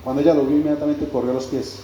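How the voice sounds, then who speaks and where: Speaking rapid-fire in a fairly high, level, warm voice, this pastor preaches to his congregation, repeating himself and firing pointed questions at them. The sound carries heavy echo from the church hall, plus faint background noise.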